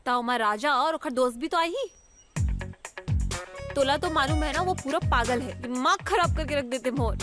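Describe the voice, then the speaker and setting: A woman's voice: high voice, normal speed, close to an everyday voice. An actress playing a blunt, scornful young woman student in a Chhattisgarhi accent. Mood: firm. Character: sharp-tongued young woman student, dismissive. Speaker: college girl. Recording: film audio under background music.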